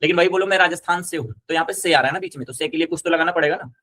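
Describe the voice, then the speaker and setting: A man teaches a casual one-on-one language lesson. He talks quickly in a slightly raised pitch. He explains patiently and keeps checking that the student follows. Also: sharp tone, no echo. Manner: explains patiently, repeats examples, asks "ठीक है?". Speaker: Spanish teacher.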